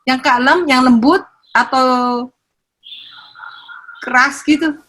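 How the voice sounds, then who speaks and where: Older lady doing a parenting talk, kinda husky voice, animated, keeps asking the crowd stuff. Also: high-pitched, slow. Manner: animated, teasing, asks audience questions. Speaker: parenting speaker.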